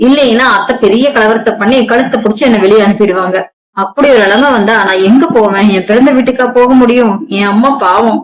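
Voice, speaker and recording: A woman's voice: fairly high pitch, lightly acted, poor audio. A woman voicing a meek, overworked young daughter-in-law who speaks in a pleading, sorrowful way.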